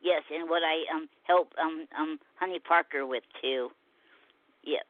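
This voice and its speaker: A woman's voice: low voice, a little slow, no echo. A woman calling in to a live show over the phone, listing where to find her work with many hesitant fillers and restarts. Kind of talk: casual chat. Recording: tinny dry phone line.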